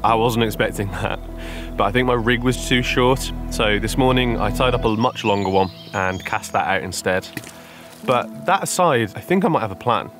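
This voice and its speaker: A man's voice: on the low side, normal speed. A young man vlogging outdoors by a lake, talking casually to a handheld camera with wry, self-deprecating asides. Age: young adult. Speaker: fishing vlogger. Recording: music bed underneath.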